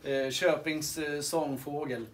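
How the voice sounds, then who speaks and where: Hosting a live sing-along and playing guitar, a man chats casually on a live stream, with many fillers and restarts. His voice is a little high and steady, guitar music plays behind him, and there's a little hiss or hum.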